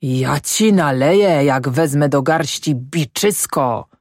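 A woman reading an audiobook and voicing a drunk, quarrelsome peasant man who blusters and shouts, in a dry, close sound. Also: low voice, takes it slowly, no echo, full character voice. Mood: defiant. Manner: blustering, shouting, fist-pounding.

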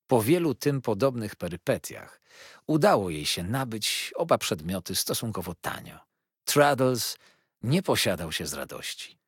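A man narrating a novel as an audiobook in an expressive storytelling manner. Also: fairly low pitch, measured pace, slightly rough, no echo, clean studio sound.

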